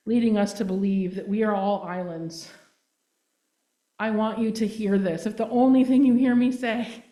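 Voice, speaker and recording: A woman's voice: on the high side, a little mellow. A woman giving a sermon as a guest minister, earnest and emphatic, checking in with the congregation as she speaks. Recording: roomy echo.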